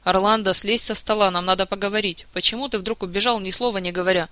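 An exasperated king who speaks in curt, firm orders, voiced by a man reading the story. His bright, fairly high voice stays controlled and dry. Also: fairly even intonation, fast, clear, resonant tone, no echo. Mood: weary. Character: weary adult male king, firm and exasperated.

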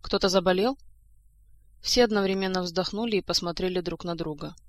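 A woman narrating a fantasy novel aloud in an even storytelling manner. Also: on the low side, quick pace, no echo. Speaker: audiobook narrator.

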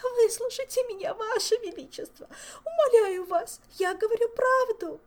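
A woman voicing a young noble mistress who sobs and begs hysterically, wailing in high cries. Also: moderate pace. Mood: sobbing, begging.

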